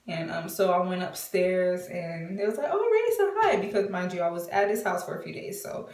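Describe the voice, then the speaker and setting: A woman's voice: on the low side, level tone, a little fast, darkish tone. A woman in her twenties telling a casual storytime, chatty and full of fillers, acting out what people said. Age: 20s. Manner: chatty, many fillers, acts out quotes. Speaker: vlogger. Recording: roomy, from a distance.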